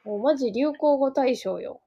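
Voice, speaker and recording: Woman, slightly high voice, teasing sidekick in casual chat. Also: dark tone, muffled recording. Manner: teasing, quick back-channel replies, laughs often. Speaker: podcast co-host.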